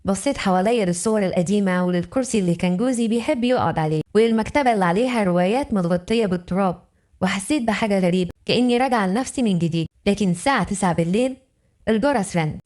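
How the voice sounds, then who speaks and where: Egyptian woman telling a drama story, emotional, rattles it off super fast. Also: medium pitch, a little mellow. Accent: Egyptian Arabic. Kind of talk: dramatic first-person story narration.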